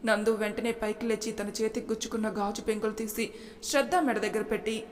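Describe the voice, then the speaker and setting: A woman's voice: mid-range voice, fairly even intonation, a little fast. Woman storyteller in an echoey room. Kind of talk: reading a serial story aloud.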